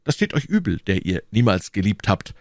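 A man's voice: fairly low pitch, sing-song, normal speed, no echo, clean studio sound. A man voicing an earnest young musketeer in an audiobook reading. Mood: reproachful. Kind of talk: audiobook character voice.

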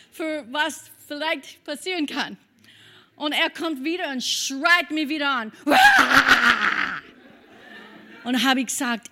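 High, bright-voiced woman preacher. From Kentucky, USA. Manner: lively storytelling, prays in tongues. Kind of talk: sermon with a personal story.

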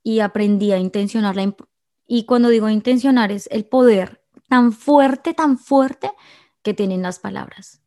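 A woman's voice: medium pitch, a little slow, darkish tone. A woman telling her viewers a personal story in an emotional, confiding way, often restarting her sentences.

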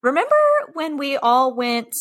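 A woman's voice: high-pitched, lively intonation, unhurried, fairly bright tone. A woman co-hosting and editing a podcast, telling rambling stories in casual chat. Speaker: podcast co-host and editor.

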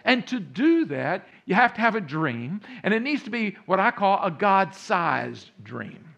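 A man's voice: high-pitched, very animated, a little slow, creaky, a bit bright, muffled recording. A man with a Texas accent, a pastor from Central Texas delivering a sermon in a folksy, storytelling way with rising emphasis.

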